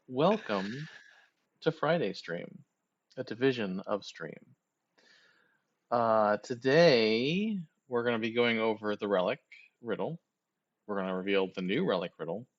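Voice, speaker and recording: A man's voice: lowish voice, a little slow, long pauses, highs cut off. Laid-back man hosting a game stream. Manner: relaxed, jokey, explains game rules. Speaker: stream host. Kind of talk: casual game stream chat.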